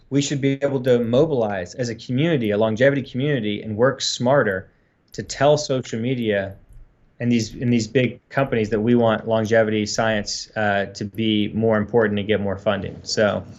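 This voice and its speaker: Low-voiced rambling man on a livestream. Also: highs cut off. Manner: rambling, earnest, many fillers. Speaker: co-host. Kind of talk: casual livestream chat.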